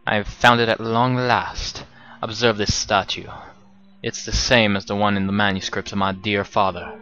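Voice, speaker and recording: A man's voice: fairly low pitch, bright, forceful tone, muffled recording. A man doing a bookish scholar in a British accent. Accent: put-on British. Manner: formal, polite, eager. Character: polite, bookish young male scholar.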